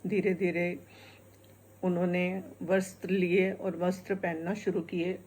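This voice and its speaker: A woman's voice: on the low side, little pitch movement, a little slow, darkish tone, a little hiss or hum. A woman telling a folk tale in a casual, chatty way, often repeating her phrases. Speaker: storyteller.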